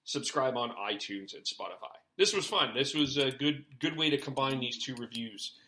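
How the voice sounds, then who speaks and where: Male podcast host, bright forward tone, rambling, thinks out loud with many restarts. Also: medium pitch, animated, moderate pace. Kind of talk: casual podcast chat.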